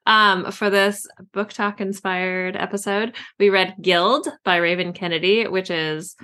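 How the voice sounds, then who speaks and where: A woman's voice: medium pitch, fairly even intonation, unhurried, pushed and bright. A woman co-hosting a podcast about books, chatting in a bubbly way with many fillers and giggles. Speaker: podcast co-host, author. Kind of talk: casual chat.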